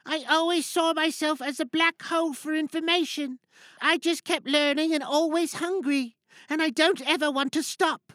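A high, childlike little girl piglet from a cartoon, acted out by a man. The delivery is simple and earnest, like a small child telling something, and the recording is close and dry. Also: bright, forceful tone, no room sound. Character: Peppa Pig, young girl cartoon piglet. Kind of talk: dramatic monologue reading in character.

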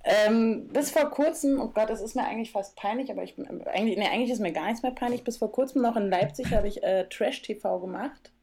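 A woman's voice: a little high, fairly quick, few pauses, darkish tone. Chatty woman, lots of fillers. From Berlin, Germany. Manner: chatty, hesitant with many fillers. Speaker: podcast guest, TV worker. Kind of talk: casual chat.

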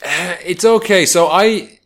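A man's voice: high voice, slow pace, fairly bright tone. A man co-hosting a film podcast, reviewing in casual chat with dry, sweary humour.

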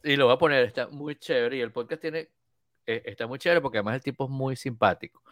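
A man, co-hosting a podcast and telling an anecdote in casual chat, lively and acting out the voices he quotes. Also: mid-range voice, quick pace, dry recording. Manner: animated storyteller, acts out quoted voices.

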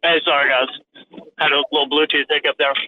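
A man's voice: fairly high pitch, flat delivery, fairly quick. Man on a bad, garbled call line. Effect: garbled bad Bluetooth call connection. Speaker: community call participant. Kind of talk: casual group call. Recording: tinny phone line with hiss.

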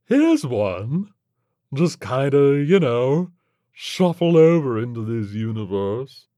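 A drawling, unbothered tentacled alien with a lilt,. His slow speech swoops up and down in a lively way, and the recording is close and dry. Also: medium pitch, no echo, pitched above the performer's own voice. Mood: laid-back. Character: laid-back male tentacled alien, stoner-casual.

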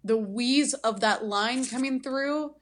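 A woman with a slightly higher voice chats through a film recap. Her telling is loose and rambling, crowded with fillers, and it grows animated at the scary parts. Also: slow pace. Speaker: podcast co-host. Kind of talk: casual film recap chat.

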